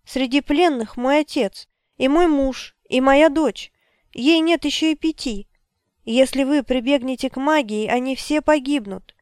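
A desperate young mother begs in a raised, tearful voice, as a woman reader puts her on. The tone is smooth and clean. The read is dry and close, with no room around it. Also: moderate pace, a little mellow, dry recording, close to an everyday voice. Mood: pleading. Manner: high, pleading, close to tears.

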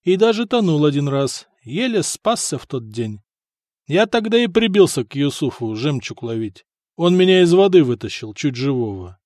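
A man voicing a boisterous, greedy sea-raider who banters loudly and gleefully in an audiobook. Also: fairly high pitch, big pitch swings, normal speed, dry recording, studio quality. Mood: reminiscing. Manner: loud, gleeful, mocking banter.

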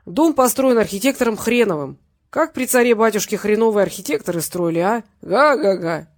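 A hulking, jovial heavyweight bruiser of a man, as a woman reading a storybook puts him on. He talks loud and brash, with a booming, hearty laugh and a slightly raised pitch. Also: animated, a little fast. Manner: loud, brash, back-slapping. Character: huge jovial heavyweight boxer man with bass voice.

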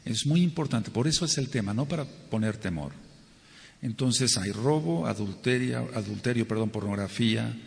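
A man's voice: mid-range voice, lively intonation, moderate pace, gravelly. A man teaching a Torah sermon, asking rhetorical questions and repeating phrases for stress. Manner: acts out quoted people with a raised voice. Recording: long hall reverb.

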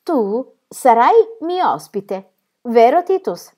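A woman's voice: a little high, big pitch swings, slow, darkish tone, pitched above the performer's own voice, full character voice. A woman voicing a forty-seven-year-old spinster aunt who talks in a hesitant, pleading way. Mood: eager.

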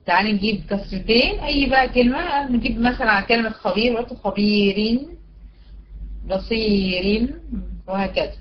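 A woman teacher with an Egyptian Arabic accent explains recitation rules step by step, recites example words slowly and often checks that her students follow. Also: on the high side, expressive, a little hiss or hum. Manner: often checks understanding with "tamam?". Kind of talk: recorded tajweed lesson. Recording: dull, lo-fi recording.

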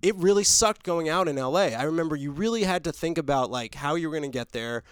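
A man's voice: a little high, lively intonation, fast talker, clean tone, dry recording, clean studio sound. A man co-hosting a casual podcast chat, telling a rambling story and chuckling at himself. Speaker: podcast co-host.

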